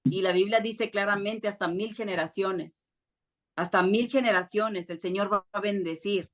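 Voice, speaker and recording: Woman church teacher, mother, earnest testimony style, mid pitch. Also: normal speed. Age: adult with children. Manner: earnest, personal testimony with frequent fillers and restarts. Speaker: preacher.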